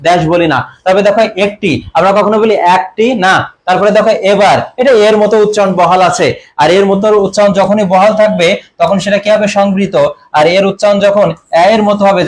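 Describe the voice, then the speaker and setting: A young man teaching an online exam-prep grammar class, often quizzing his students and clearing his throat. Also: high-pitched. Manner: quizzing students with repeated questions. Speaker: admission coaching teacher.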